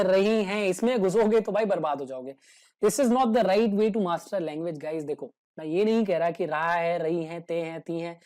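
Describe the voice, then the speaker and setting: A man teaching English grammar in a casual, joking way, acting out little everyday dialogues as examples. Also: sits high. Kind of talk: grammar lesson explained in Hindi with English examples.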